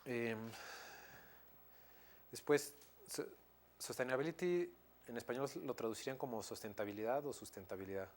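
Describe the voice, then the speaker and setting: A man in his thirties with a Mexican Spanish accent gives an academic lecture, hesitant and full of fillers, restarts and tag questions. His medium-pitched voice is unhurried and he pauses often.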